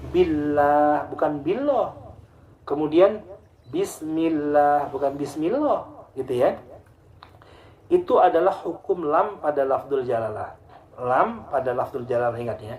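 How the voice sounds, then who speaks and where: Patient Indonesian teacher in an echoey room. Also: male voice, medium pitch, phone-quality sound, slight background noise. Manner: patient, repeats and chants Quranic examples slowly. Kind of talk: tajwid lesson for students.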